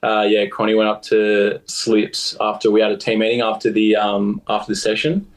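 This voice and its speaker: A man's voice: fairly low pitch, steady tone, moderate pace, crowd noise, poor audio. A young Australian man, a rugby player guest, telling long stories in a loose, rambling way with plenty of fillers. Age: young adult. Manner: rambling, lots of fillers and laughs. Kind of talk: casual storytelling.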